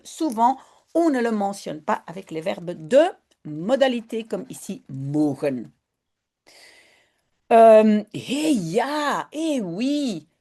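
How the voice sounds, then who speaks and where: A woman teaches a language lesson, reading a story aloud and then translating and explaining each line. Her pitch rises and falls in a very animated way, yet she keeps an unhurried, slow pace. She repeats key phrases patiently for her learners.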